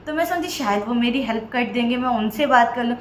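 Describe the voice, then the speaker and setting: Brief: young woman, high voice, animated storyteller, roomy echo with faint background noise. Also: quick pace. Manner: animated, acts out family members' lines. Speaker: vlog co-host. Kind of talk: casual personal storytelling.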